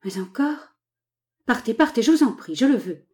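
A woman reading aloud, voicing a desperate young courtesan with pleading, emotional delivery in a higher, louder voice. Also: expressive, moderate pace, lightly acted. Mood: pleading, frightened. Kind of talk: audiobook dialogue reading.

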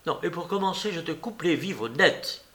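A man's voice: on the high side, expressive, normal speed, fairly bright tone. A man reading a novel aloud, voicing an irritated, stubborn elderly aunt who scolds her nephew. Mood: scolding. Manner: scolding, indignant questioning. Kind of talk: audiobook character reading.

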